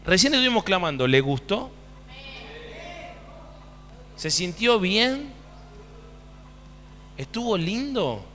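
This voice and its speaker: Pastor, male, high lively voice, preaching in a reverberant church hall. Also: slow, pauses often, a little hiss or hum. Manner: animated preaching with rhetorical questions to the congregation. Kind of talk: sermon.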